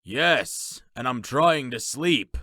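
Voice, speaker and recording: A man's voice: medium pitch, lively intonation, slow pace, pushed and bright, no room sound, clean studio sound, voice pushed up, exaggerated voice. A man doing a sleepy, sarcastic grumbler. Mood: sleepy grumbling. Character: sleepy, grumpy male adventurer.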